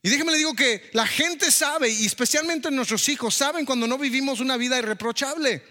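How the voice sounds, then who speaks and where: A man preaching a sermon as pastor, animated and often asking the congregation questions. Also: extremely high pitch, a little fast, in a large hall.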